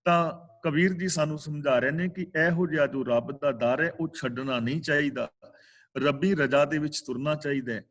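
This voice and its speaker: Scripture teacher, male, measured teaching over a video call, voice a touch high. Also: steady tone, a bit bright. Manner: chants verses slowly, then explains word by word. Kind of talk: religious exposition class.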